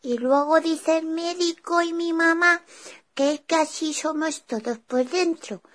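A cheerful little boy, voiced by a woman, tells his story in a high, bright-sounding voice. He rushes through it eagerly and trips over his restarts. It is children's show storytelling. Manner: eager, breathless retelling with stammered restarts. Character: young boy, cheerful and chatty. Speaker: child character telling a story.

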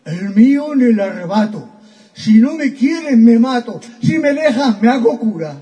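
A man's voice: very high voice, expressive, measured pace, warm tone, distant mic. A man playing a soaked, lovelorn young suitor who speaks in grandiloquent, mock-heroic verse. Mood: declaiming.

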